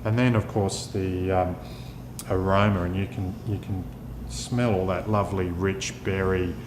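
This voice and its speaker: Low-voiced man giving halting wine tasting notes. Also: steady tone. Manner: descriptive tasting talk with halting pauses. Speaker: winemaker presenting his wine. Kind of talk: sommelier tasting notes, unscripted wine talk. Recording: echoey room, clear rumbling background noise.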